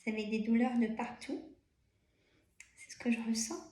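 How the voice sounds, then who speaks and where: A tired woman with a Burgundy French accent, chatting as she reads tarot cards, full of fillers and soft laughs. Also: on the high side, moderate pace, roomy sound. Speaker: tarot card reader. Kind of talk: casual card-reading video.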